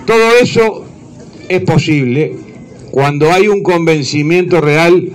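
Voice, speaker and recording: A man's voice: a little high, slow pace, slight background noise, rough recording. Emphatic Uruguayan man giving a speech. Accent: Uruguayan Spanish. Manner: emphatic, repeats key phrases for weight. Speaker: government official. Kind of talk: public political speech.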